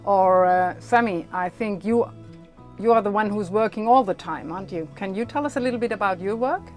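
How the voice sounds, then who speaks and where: A woman hosts in a casual interviewing and narrating style. English is not her first language, and her voice sits at a medium pitch. Light music plays behind her. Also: a little fast, a little mellow. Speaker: host interviewer. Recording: background music.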